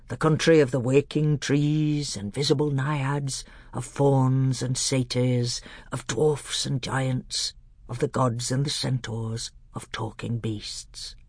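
A man voicing Doctor Cornelius, an old male scholar and tutor, speaking low in a secretive whisper for a storybook reading. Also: dry recording, clean studio sound.

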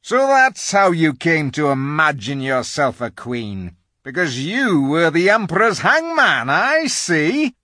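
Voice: medium pitch, very animated, slow pace, hardly any pauses, sharp tone, dry recording, clean studio sound, voice pushed up, exaggerated voice. Sarcastic talking beaver, put on by a reader. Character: blunt indignant male beaver.

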